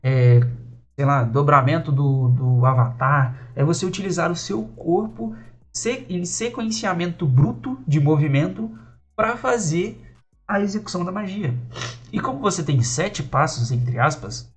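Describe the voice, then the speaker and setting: A man's voice: fairly high pitch, lively intonation, a little slow, faint music behind. A man casually explaining the magic rules of a tabletop role-playing game, talking loosely and checking in with listeners as he goes. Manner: loose, conversational, many fillers and rhetorical checks. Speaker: tabletop RPG system designer explaining rules.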